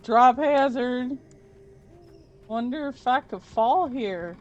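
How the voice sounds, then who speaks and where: A woman's voice: on the high side, slow pace, darkish tone, dull audio. A woman streamer giving casual, chatty let's-play commentary, swearing and muttering to herself. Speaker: gaming streamer.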